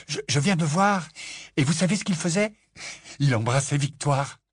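A man doing a breathless excited schoolboy. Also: sits high, moderate pace, no echo, studio quality, pitched above the performer's own voice. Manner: breathless, tumbling over his words. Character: excited schoolboy, eager big brother. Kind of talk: audiobook character voice.

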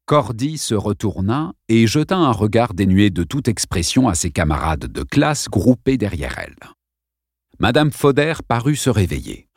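Un narrateur de livre audio à la voix plutôt grave et à l'intonation très vivante. Sa lecture est posée et expressive. La prise de son est sèche et proche. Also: male voice, on the low side, normal speed, slightly rough, no room sound, studio quality. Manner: expressif, posé. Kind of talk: narration de roman lue.

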